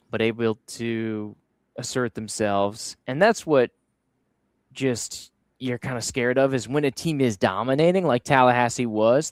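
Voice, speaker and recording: Guy hosting a soccer podcast, smooth clear voice, dry close sound, walking thru goal clips all chatty. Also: medium pitch, no echo. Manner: upbeat play-by-play walkthrough of goal clips. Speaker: podcast host. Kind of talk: casual sports recap chat.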